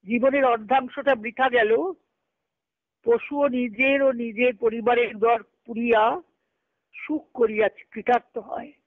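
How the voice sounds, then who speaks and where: On a group conference call, a woman reads letters aloud and explains them like a teacher, repeating phrases as she leads spiritual discussion. Her voice is a little high, unhurried, with fairly even intonation. No room sound is heard on the tinny, band-limited line.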